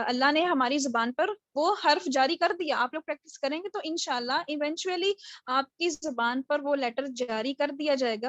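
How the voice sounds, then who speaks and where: A woman's voice: high voice, fairly bright tone, dry recording, highs cut off. A woman teaching a live online Tajweed class, patiently explaining and modelling Arabic letter sounds aloud, often checking with her students. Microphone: video call.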